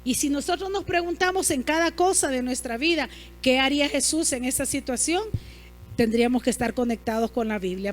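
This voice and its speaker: A woman pastor, preaching a sermon emphatically and asking the congregation rhetorical questions. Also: very high-pitched.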